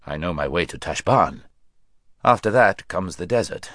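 A proud, fussy talking warhorse from a storybook, as a man reads him out. The voice sits very deep and swings up and down with feeling, grave and a bit anxious about looking dignified. The sound is dry and close. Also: animated, moderate pace, a bit bright, no echo. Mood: confident.

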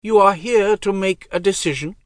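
A man's voice: high voice, moderate pace, dry recording, clean studio sound, voice pushed up, natural voice. A man voicing a cold, commanding goddess of death who speaks in solemn pronouncements. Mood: icy, solemn.

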